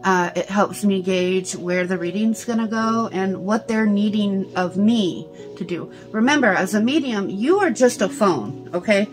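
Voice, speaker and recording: A woman's voice: medium pitch, measured pace, hardly any pauses, faint music behind, low-quality recording. A middle-aged woman speaks through a cloth face mask, giving a casual, conversational instructional talk as a teacher, often checking in with her listeners. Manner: conversational, explains with everyday comparisons and frequent check-in tags. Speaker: psychic medium and teacher. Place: small indoor room.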